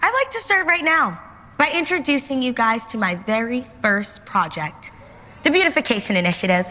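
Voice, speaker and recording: An actress playing a determined, earnest teenage student giving a campaign speech in a screen drama. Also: female voice, high voice, bright, forceful tone, full character voice. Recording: echoey hall, faint noise.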